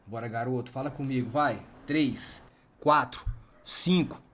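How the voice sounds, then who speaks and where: A man with a Brazilian Portuguese accent playing a firefighter medic in a game roleplay, urgent and commanding, counting out loud as he works. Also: mid-range voice, measured pace, a little hiss or hum. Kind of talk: game roleplay over voice chat.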